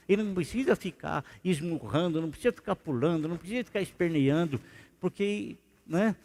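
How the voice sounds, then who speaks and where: Male pastor, higher voice, chatty questioning sermon, echoing church. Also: a little mellow. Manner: conversational preaching with rhetorical questions. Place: church sanctuary. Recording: reverberant church hall.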